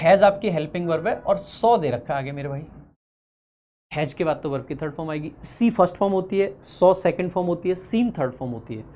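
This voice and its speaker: A male teacher running an exam-prep grammar class. He explains at a brisk clip, then slows right down to read each example sentence with deliberate emphasis. He keeps asking questions and answering them himself, talking to students familiarly. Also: high voice, darkish tone, a little hiss or hum. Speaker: English teacher.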